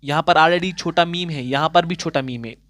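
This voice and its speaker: A man teaching Quran recitation rules in a patient classroom style, asking questions and answering them himself, and slowing down to recite example verses. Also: fairly high pitch, a bit bright, no echo. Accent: Urdu-inflected Hindustani. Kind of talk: classroom-style tajweed lesson.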